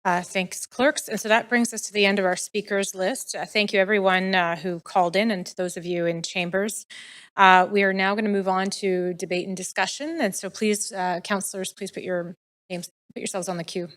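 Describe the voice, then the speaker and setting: A woman chairing a council meeting, running the speakers list with procedural remarks and filler pauses. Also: mid-range voice, steady tone, fairly bright tone.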